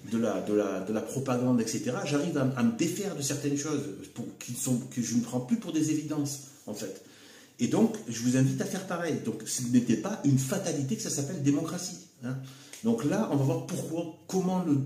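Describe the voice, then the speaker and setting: A man giving an unscripted solo video monologue, halting and repeating words, with frequent fillers like "hein" and "voilà". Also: mid-range voice, mellow. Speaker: video commentator. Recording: echoey room.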